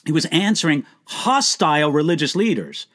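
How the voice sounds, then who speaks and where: A man teaching the Bible on a live question-and-answer stream. His somewhat high voice rises and falls with strong expression. He puts rhetorical questions to his listeners in an earnest, emphatic way. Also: sing-song, moderate pace, fairly bright tone.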